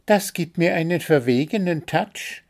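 A man's voice: a little high, expressive, a little slow, pitched above the performer's own voice. A man voicing a vain little male bird in a storybook, chirpy and self-satisfied. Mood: vain, eager. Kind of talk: storybook character voice.

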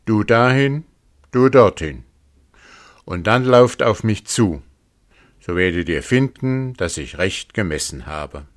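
A man voicing a boastful, hungry male wolf in a storybook reading, loud and commanding. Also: mid-range voice, lively intonation, slow, few pauses, voice pushed up.

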